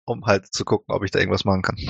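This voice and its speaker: A man's voice: low-pitched, level tone, very fast, gravelly, a bit bright, slightly rough, dull audio. A man playing in a tabletop game, joking around and sometimes hesitating over his words. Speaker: player. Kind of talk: casual chat at a tabletop game.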